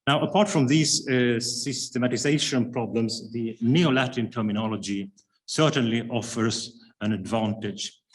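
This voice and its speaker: A man with a mid-range voice, a native Swedish speaker, reads an academic lecture from a prepared paper. His delivery is measured and careful, with frequent hesitation fillers.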